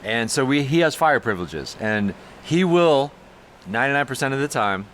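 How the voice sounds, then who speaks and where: A man with a lilt tells a story in a relaxed podcast chat. His voice sits in the middle range and leaps up when he gets worked up. A faint noise floor runs underneath. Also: moderate pace. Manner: animated, jumps high when acting out the story. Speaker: podcast co-host, brewery owner.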